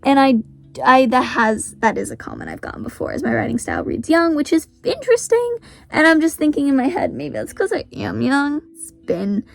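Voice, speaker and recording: Chatty teen girl, high voice. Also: huge pitch swings, moderate pace, gravelly, no room sound. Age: teens. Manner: chatty, says "like" very often. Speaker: author. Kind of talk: casual vlog chat about writing.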